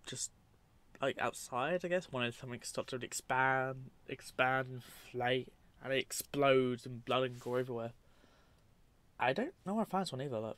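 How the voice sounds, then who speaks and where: A man giving casual, unscripted commentary over clips, rambling and matter-of-fact with dry asides. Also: medium pitch. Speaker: narrator of a film clip compilation.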